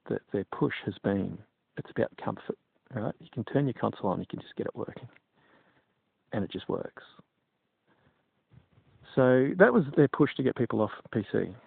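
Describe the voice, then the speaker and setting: A man's voice: on the low side, creaky, husky, dry recording. A middle-aged man and PC technician giving his opinions on gaming in a digressive, casual monologue. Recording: tinny phone-like sound, dry.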